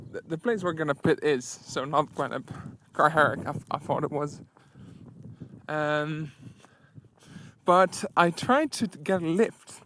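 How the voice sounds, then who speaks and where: A man's voice: on the high side, fairly bright tone, a little hiss or hum. A man telling anecdotes in a casual, rambling, self-deprecating audio diary while out on a walking trip. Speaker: travel vlogger on a solo walking trip.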